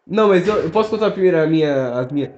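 A young man with a Brazilian accent, telling stories in fast, slangy casual podcast chat full of fillers. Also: a little high, lively intonation, darkish tone. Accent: Brazilian Portuguese. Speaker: podcast co-host. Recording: roomy, dull lo-fi sound.

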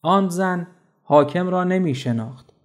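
A man narrates a children's picture-book tale in a steady, clear manner. His voice sits somewhat high for a man. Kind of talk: storybook narration.

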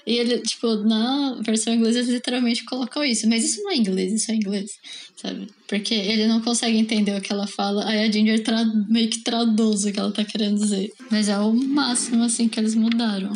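A woman in a casual film discussion, relaxed, with laughing asides and many fillers. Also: on the high side, fairly quick, few pauses.

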